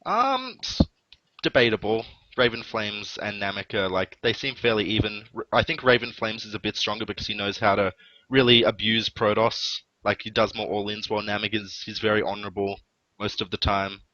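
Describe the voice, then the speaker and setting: A man commentates on the match in an easygoing, matter-of-fact way. His voice is fairly low yet bright and forceful in tone. The sound is dry and a little dull, as from a cheap headset mic. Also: normal speed. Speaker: esports caster. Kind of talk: casual live game commentary.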